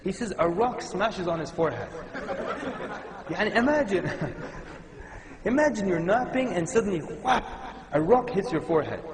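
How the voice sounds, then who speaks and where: A man's voice: sits high, lively intonation, unhurried, long pauses, a crowd in the background. A man from Sudan giving a conversational, humorous Islamic lecture to a live audience. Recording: echoey hall with long reverb.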